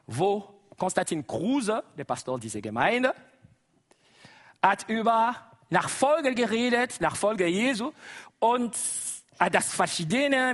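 A middle-aged Congolese man, a native Lingala speaker with a Congolese accent, preaches a sermon to a congregation as a guest preacher. He exclaims and laughs often, and his voice sits high with a bit of brightness.

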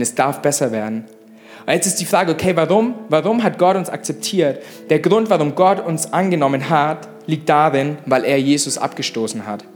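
A man's voice: on the high side, a little mellow. A young man preaching a sermon in a church service, in a casual, direct way with frequent "hey" asides. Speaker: pastor.

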